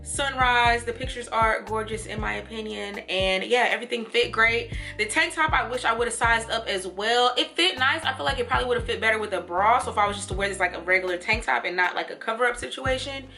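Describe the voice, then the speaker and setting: Bright, chatty young woman vlogger. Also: fairly high pitch, fast talker, creaky, few pauses, soft background music. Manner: chatty and animated, laughing and doing little quoted voices. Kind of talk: casual try-on haul and storytime.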